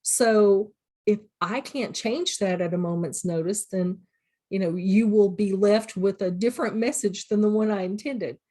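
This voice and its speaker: Speaking a little slowly in a warm, mid-range voice, this middle-aged college instructor delivers a recorded lecture. She keeps things plain and practical and illustrates points with cases from her own classroom.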